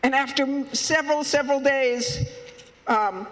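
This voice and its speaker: A man leading a children's story time at a worship service, playful and halting, stopping to ask the children questions. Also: very high-pitched, a bit bright. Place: church sanctuary. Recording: echoey hall.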